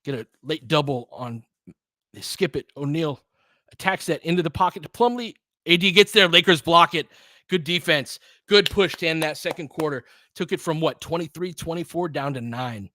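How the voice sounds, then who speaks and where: A slightly high, sharp-toned male voice at normal speed handles this live basketball audio call. He's the host and play-by-play man, informal and clearly partisan, mixing the action with loose analysis. The audio is close and dry.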